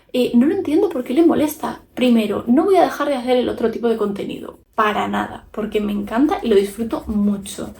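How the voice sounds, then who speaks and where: A woman's voice: a little high, gravelly, dark tone, roomy sound. A young woman with a Spanish accent from Spain chatting frankly in a casual podcast style as a YouTuber, giving her opinions while she draws.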